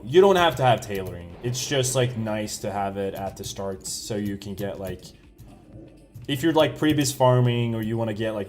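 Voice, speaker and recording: A young man, streaming a game and chatting casually, rambling and correcting himself, chuckling now and then. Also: mid-range voice. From Sweden. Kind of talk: casual live-stream chat while gaming.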